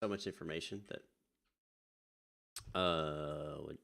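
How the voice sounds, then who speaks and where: Extremely low in pitch, this man's gravelly voice is a bit bright, with fairly even intonation and a very slow delivery. As a live-streaming virtual air traffic controller, he drifts through chatty, distracted talk, leaving thoughts unfinished, before making polite radio calls to pilots.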